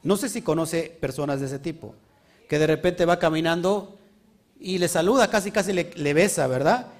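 A man's voice: on the high side, normal speed. A man preaching a sermon, asking his listeners frequent questions. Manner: animated, asks the congregation questions often. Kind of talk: sermon teaching.

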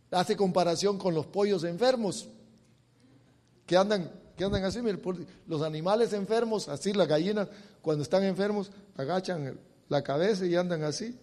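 A man preaching an emotional sermon, swinging from soft talk to loud, fervent scripture reading. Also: sits high. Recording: long hall reverb.

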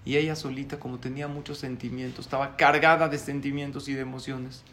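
A male rabbi, telling a story in a sermon, animated and chuckling, asking the audience questions. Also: medium pitch, fast talker, slight background noise.

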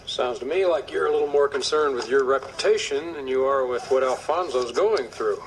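A man's voice: mid-range voice, moderate pace, lightly acted. A man playing a patient, wry sitcom dad. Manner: calm, reasoning, mildly wry. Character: patient, gently teasing middle-aged dad. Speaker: sitcom father. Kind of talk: 1980s sitcom acting. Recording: noisy old TV soundtrack.

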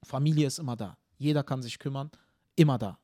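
A man co-hosting a comedy podcast, telling stories animatedly in casual chat and often tagging his sentences with quick questions. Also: medium pitch. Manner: animated storyteller, tag questions, acts out scenes.

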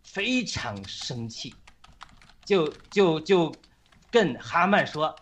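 Halting man retelling a Bible story. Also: on the high side, big pitch swings, a bit bright, a little hiss or hum. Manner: halting, with frequent fillers and restarts.

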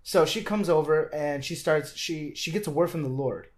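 A young man with a slightly high voice tells his story in conversation. He speaks earnestly and casually, stumbling and restarting as he goes. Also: moderate pace. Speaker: guest. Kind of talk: personal testimony in conversation.

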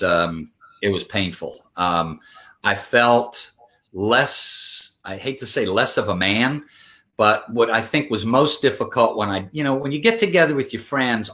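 Here a man in his fifties, interviewed conversationally as a guest, speaks earnestly in a lowish, sharp-toned voice at a measured pace. Fillers and restarts come up often.

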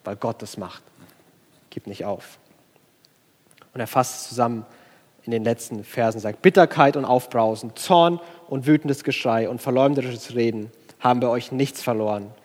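Male preacher, earnest and pleading, mid pitch, long hall reverb. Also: normal speed. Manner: earnest, pleading, with sudden soft drops and rising outbursts. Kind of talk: sermon.

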